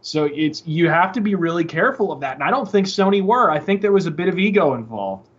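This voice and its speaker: A man's voice: sits high, expressive, fast talker, dull audio. A man co-hosting a casual podcast, rambling and profane, often restarting his sentences while he searches for words. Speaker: podcast co-host. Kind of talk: casual game-industry chat.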